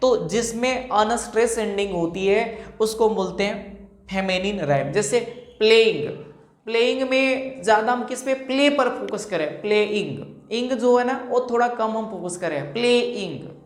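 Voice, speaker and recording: A woman teaching English rhyme types in Hindi mixed with English terms. She asks a question herself and then answers it, and she repeats example words slowly to show the stress. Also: fairly high pitch, expressive. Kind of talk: classroom-style lesson explaining rhyme types. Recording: echoey room.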